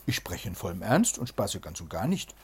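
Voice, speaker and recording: A reader voicing a simple, easily fooled man who speaks earnestly in a slightly lowered, breathy voice. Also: sing-song, normal speed, heavily acted.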